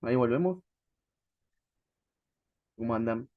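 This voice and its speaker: A man's voice: mid-range voice, animated, slow, no room sound, phone-quality sound. A man with an Argentine Spanish accent teaching a law class while he has the flu, hesitant and repeating his words as he goes. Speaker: course instructor.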